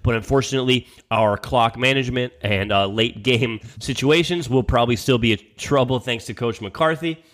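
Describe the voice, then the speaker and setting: A man's voice: medium pitch, moderate pace, hardly any pauses, a bit bright. Chatty young man hosting a sports podcast. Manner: chatty, full of fillers. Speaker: podcast host. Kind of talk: casual sports podcast chat.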